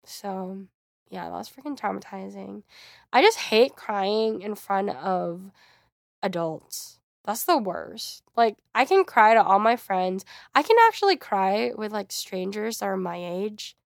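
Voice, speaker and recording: A young woman hosting her podcast, telling a personal story in a chatty, animated way. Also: mid-range voice, measured pace, creaky, no echo, clean studio sound. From United States. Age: young adult. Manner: chatty, frequent "like", animated quoting. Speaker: podcast host. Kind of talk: casual storytelling monologue.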